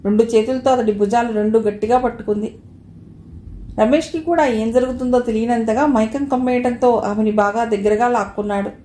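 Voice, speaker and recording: A woman reads a novel aloud in a steady storytelling voice. Her voice is fairly high yet mellow and warm. The recording sounds roomy, with a faint hiss behind it. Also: a little fast. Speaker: audiobook narrator. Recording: roomy echo, faint noise.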